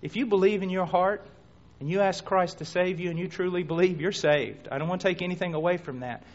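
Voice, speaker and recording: High-voiced preacher, hushed to shouting. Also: male voice. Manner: dramatic storytelling, swinging from hushed near-whispers to shouts. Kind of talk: sermon. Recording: dull lo-fi recording.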